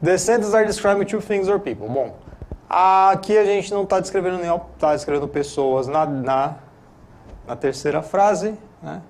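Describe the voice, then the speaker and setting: This high-pitched, lively-sounding man teaches English at a normal speed in a slightly mellow voice, with a little hiss or hum on the recording. His Brazilian Portuguese accent comes through as he explains the lesson on a studio broadcast, chatting, tacking on repeated tag questions and fixing his own slips.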